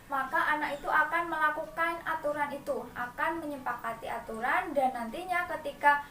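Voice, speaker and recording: High-voiced woman leading a class. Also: fairly quick, pushed and bright, a little hiss or hum. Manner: leads group clap chants with the mothers; explains step by step, addresses the group as mothers. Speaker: parenting class facilitator. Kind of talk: classroom training session. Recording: echoey room, distant mic, faint background ambience.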